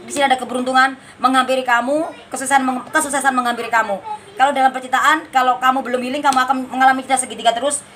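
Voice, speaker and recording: A woman's voice: sits high, fairly bright tone, a little hiss or hum. A woman doing a casual spiritual card reading, chatty and coaxing, sometimes with a scolding tone. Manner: chatty, coaxing, refers to herself by name; scolding tone at times. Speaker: card reader.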